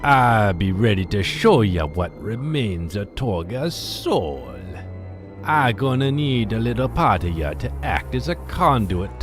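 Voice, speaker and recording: A man's voice: lowish voice, voice pushed down. A man doing a smug troll death spirit. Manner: drawling troll-style dialect, smug. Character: sly male troll death spirit striking deals. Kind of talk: reading game quest text aloud in voice.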